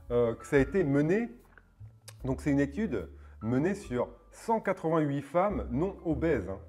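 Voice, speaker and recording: A man's voice: medium pitch, darkish tone. A man in his forties hosting a fitness video channel, talking casually and hesitantly, with many fillers and restarts and a habit of checking in with his viewers. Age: 40s. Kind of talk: casual explanatory video talk.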